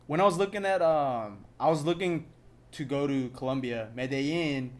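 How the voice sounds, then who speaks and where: A man's voice: mid-range voice, moderate pace. Young male co-host from Southern California, casual profane storyteller with a mid-range voice. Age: young adult. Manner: loose, profane storytelling full of fillers. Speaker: podcast co-host. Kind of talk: casual chat.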